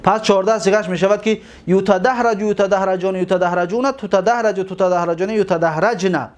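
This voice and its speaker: A man teaching a grammar lesson, reciting long memorized verb lists in a steady rhythm and stopping to explain each step. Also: high-pitched.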